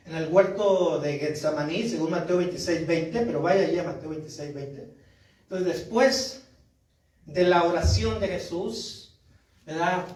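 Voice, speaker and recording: A man's voice: high-pitched, a little mellow. A man preaching as a pastor, reading scripture aloud and often asking his congregation "¿verdad?". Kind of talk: sermon. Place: church hall. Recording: echoey church hall from far off.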